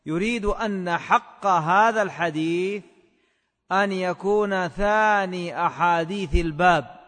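A man teaching a class on a classical text in a measured, scholarly way, repeating phrases slowly as if for dictation. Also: high voice, a bit bright, in a large hall. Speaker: teacher of hadith commentary.

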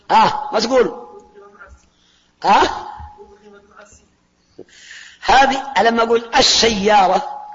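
Male grammar teacher, very high voice, questioning and repetitive, dull hall recording. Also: a bit bright, slight background noise. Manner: questioning, repeats key terms, drills students with "ha?". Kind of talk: Arabic grammar lesson to students.

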